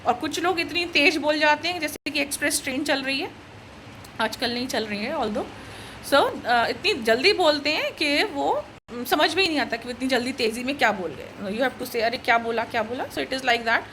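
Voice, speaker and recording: High-voiced Indian woman lecturing. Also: animated, bright, forceful tone, a little hiss or hum, low-quality recording. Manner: explains slowly, mixes Hindi and English, asks "right?". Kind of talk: recorded lecture.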